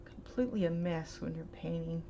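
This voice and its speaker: A woman with a deep, dark voice walks through a paint swatching demo at home as an art vlogger, rambling and hesitating with plenty of ums and uhs. Those filler sounds fill most of her pauses. The home recording is dull and lo-fi, marked by a faint hiss.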